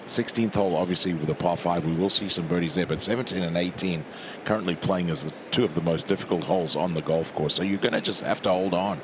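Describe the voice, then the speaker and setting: A man giving live golf commentary as an analyst, in measured, short clipped phrases. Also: deep voice. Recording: outdoor broadcast with clear background noise.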